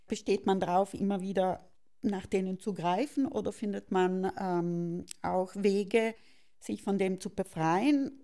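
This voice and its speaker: Gravelly-voiced woman. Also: mid-range voice, steady tone, warm tone. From South Tyrol, Italy. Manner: thoughtful, searching for words with many pauses and restarts. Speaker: interview guest. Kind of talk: reflective personal storytelling.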